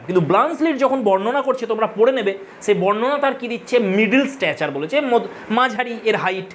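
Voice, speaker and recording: A woman's voice: on the high side, slight background noise. Woman teacher explaining a play. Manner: explanatory, addresses viewers as friends; mixes English terms into explanations. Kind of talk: recorded literature lesson.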